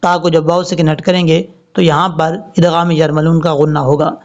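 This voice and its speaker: A male Quran teacher explaining tajweed rules and reciting each word slowly and drawn out. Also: on the high side, flat delivery. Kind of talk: tajweed lesson with slow recitation. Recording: slightly dull lo-fi audio.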